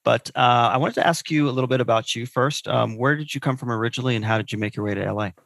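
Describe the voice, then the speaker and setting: A man's voice: mid-range voice, fast, gravelly, fairly bright tone. Enthusiastic man hosting a podcast. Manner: enthusiastic, promotional. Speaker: podcast host.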